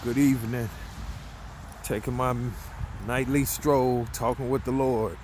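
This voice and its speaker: A man's voice: medium pitch, steady tone, unhurried, a little mellow, slight background noise. A man talking casually while walking outdoors at night, telling a rambling, conversational story and repeating himself. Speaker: vlogger.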